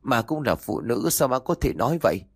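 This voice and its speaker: A man's voice: mid-range voice, very animated, brisk, gravelly, breathy edge, no room sound, clean studio sound, exaggerated voice. A man voicing a suffering young pregnant wife in an audio story, with a plaintive, pleading manner.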